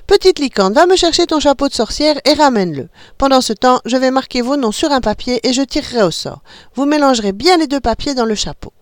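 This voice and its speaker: A woman voicing a cheerful young mother who leads her children in a pretend game, in a bright, sing-song manner. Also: sits high, expressive, brisk, no room sound, studio quality, pitched above the performer's own voice. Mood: playful. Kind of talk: storybook reading.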